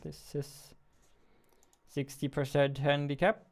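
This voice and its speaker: Over the sound of typing and clicking, a game developer in his twenties chats casually on his livestream, working at a computer desk indoors and muttering repeated phrases to himself. His voice is a little high and creaky, steady in tone and slow in pace.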